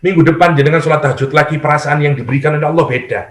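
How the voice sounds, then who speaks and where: Javanese-accented preacher in an echoey room. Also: male voice, fairly high pitch, racing. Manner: lively, acts out worshippers' prayers, mixes in humor. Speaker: Islamic preacher. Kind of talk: conversational religious lecture.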